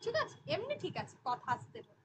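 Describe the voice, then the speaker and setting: A woman's voice: quick pace, fairly bright tone, a little hiss or hum, low-quality recording. A woman teacher explaining grammar in an online class, patiently working through examples.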